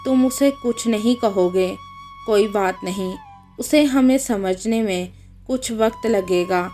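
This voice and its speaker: Woman narrator doing a patient middle-aged mother, soothing, calm, slow, storybook. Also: medium pitch, soft background music, lightly acted. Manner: soothing and conciliatory.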